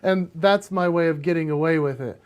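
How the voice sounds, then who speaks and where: A man's voice: a little high, a little fast, clear, resonant tone. A man guest, an impressionist, chatting casually and joking at his own expense. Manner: self-deprecating, playful. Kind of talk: casual chat.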